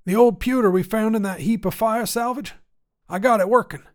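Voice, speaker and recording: In a short fiction reading, a man voices a cantankerous old grandfather tinkerer obsessed with decay and repair, lightly acted. He goes high-pitched, folksy and grumbly, speaking fairly quickly and very emphatically, with an indignant mood and rural turns of phrase.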